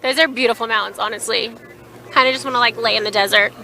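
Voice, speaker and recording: A woman's voice: fairly high pitch, steady tone, fast, creaky, a crowd in the background. A young woman from Atlanta, Georgia, hosting upbeat street interviews outdoors and laughing often. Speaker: host.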